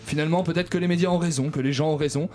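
A man delivering a sarcastic comic column on a radio panel show, mocking and quick. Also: fairly high pitch, steady tone, darkish tone.

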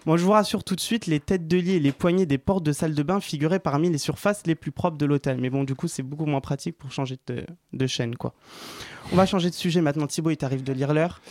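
A man's voice: a little high, quick pace, darkish tone, no room sound. A man giving a playful health column on the radio, chatty and joking, laughing often in a studio. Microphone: studio microphone.

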